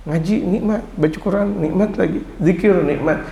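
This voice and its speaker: A man preaching a sermon to his congregation, mixing Arabic recitation with lively, playful explanation. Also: high voice, normal speed, creaky, muffled recording. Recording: echoey hall with long reverb.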